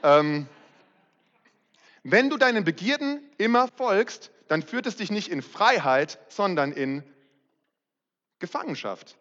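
A man's voice: sits high, big pitch swings, takes it slowly, long pauses, a bit bright. Brief: middle-aged male pastor, candid, self-mocking sermon voice, muffled reverberant hall recording.

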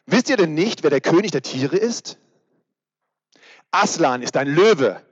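A man's voice: on the high side, expressive, measured pace, breathy edge, voice pushed up. A man reading aloud as a male talking beaver from a storybook, insistent and explaining, in a reverberant, dull-sounding hall.

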